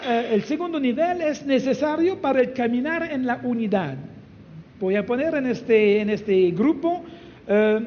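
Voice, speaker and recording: A man, a pastor, giving a conversational sermon in a church hall, teaching with many rhetorical questions. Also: very high-pitched. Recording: dull, reverberant hall recording.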